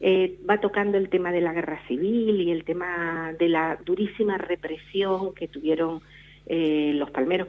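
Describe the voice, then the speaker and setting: A middle-aged woman from La Palma, a novelist telling her story in a radio interview, often restarting her sentences. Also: fairly low pitch. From La Palma, Canary Islands. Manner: reflective storyteller with frequent restarts. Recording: tinny phone line.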